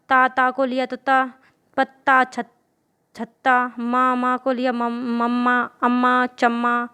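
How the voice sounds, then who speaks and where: A woman's voice: sits high, a bit bright, smooth. A young woman teaching a grammar lesson, repeating examples and often asking the class questions to check they follow. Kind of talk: explaining a Hindi grammar lesson.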